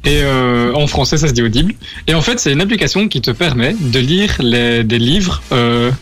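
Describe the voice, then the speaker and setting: A man's voice: mid-range voice, lively intonation, normal speed, fairly bright tone, faint music behind. A young man co-hosting a casual radio show in an offhand, teasing way. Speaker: radio co-host.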